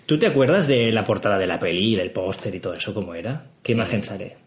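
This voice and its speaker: Hombre de unos treinta, sala con eco. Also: male voice, on the low side, expressive, fast. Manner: joking, rambling, teasing. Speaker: podcast co-host. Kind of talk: casual film podcast chat. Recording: echoey room.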